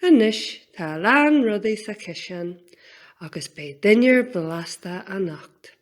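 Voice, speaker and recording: A woman presenting simple scripted narration for young learners, in deliberate, repeated phrases. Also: mid-range voice, expressive.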